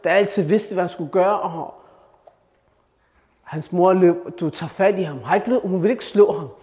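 A man preaching and telling a religious story, animated and questioning his listeners. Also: sits high. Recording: reverberant hall.

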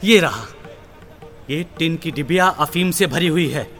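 A man's voice: on the high side, animated, unhurried, fairly bright tone, big-room sound, heavily acted. An actor playing a poor, desperate young man begging to become a music student, speaking earnestly and pleadingly. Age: young adult. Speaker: young man in a radio drama. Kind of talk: radio drama acting.

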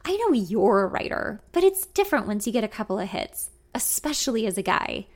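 A woman's voice: medium pitch, big pitch swings, a little fast. A woman reading the lines of a cynical, protective young man who is a close friend, blunt and teasing. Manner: blunt, teasing, then apologetic.

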